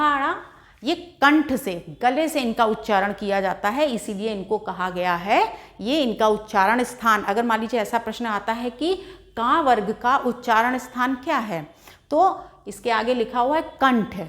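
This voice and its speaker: A woman teaching an exam-prep grammar lesson, explaining step by step, asking rhetorical questions and sounding out letters slowly as examples. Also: fairly high pitch.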